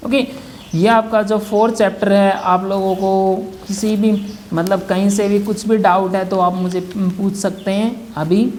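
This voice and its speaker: A man's voice: high-pitched, darkish tone, a little hiss or hum. A man teaching a shorthand lesson, patiently walking through examples step by step and repeating himself. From India. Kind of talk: classroom lesson.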